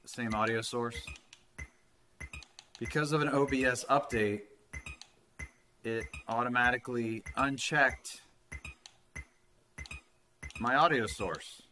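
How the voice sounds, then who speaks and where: A man in his thirties who runs a retro gaming channel gives casual commentary on a handheld game at home, rambling and dropping the odd swear word into his desk mic. His medium-pitched voice comes across bright and forceful.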